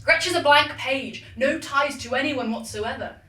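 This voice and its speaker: A woman's voice: high-pitched, moderate pace, sharp tone, recorded from a distance. A woman playing a menacing goddess who haunts dreams in a theatrical drama, taunting and commanding as if chanting a spell. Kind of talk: theatrical stage acting. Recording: echoey hall from afar, faint noise.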